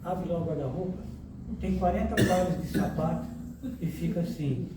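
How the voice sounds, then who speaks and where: In a lecture hall, a man gives a lively spiritual talk, quizzing his audience and joking with them. His voice is a little high at a normal pace, and he sits far from the mic in an echoey room with background noise.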